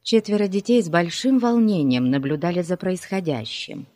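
Children's audiobook narrator, expressive, dry studio sound. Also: mid-range voice, normal speed, no room sound. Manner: expressive storytelling.

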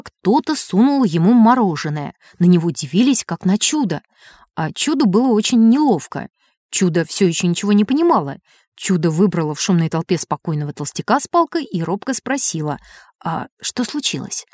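Woman reading a kids story out loud, lively swoopy voice, dry close sound. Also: medium pitch, no echo. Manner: expressive, animated reading. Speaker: narrator. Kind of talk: storybook narration.

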